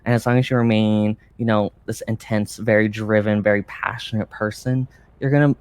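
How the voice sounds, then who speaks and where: In an improvised role-play, a performer plays an earnest, encouraging psychic medium giving a tarot reading in a séance manner, hesitant, reassuring and intuitive, with a reassuring yet intense mood. The voice is mid-range, steady and a little mellow and smooth, at normal speed, lightly acted and recorded dry.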